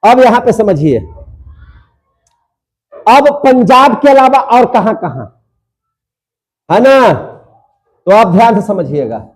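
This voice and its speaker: A man's voice: high-pitched, big pitch swings, takes it slowly, pauses often, husky. A young man teaching a class, drilling students by asking questions and repeating each answer. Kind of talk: classroom lecture.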